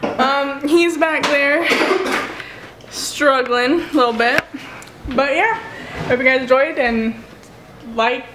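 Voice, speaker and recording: A woman's voice: sits high, slow pace, pauses often. A young woman hosting a casual home vlog with her brothers, cheerful and upbeat. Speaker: vlogger host. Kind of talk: casual chat with siblings. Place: home, indoors. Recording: roomy, noisy home video.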